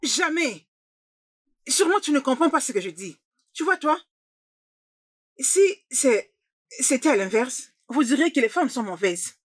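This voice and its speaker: A stern, jealous young woman in a dubbed drama. Her voice sits a little high and husky, recorded close and dry, and she talks insistently. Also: lively intonation, a little slow, long pauses, no room sound. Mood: angry. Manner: confrontational, insistent.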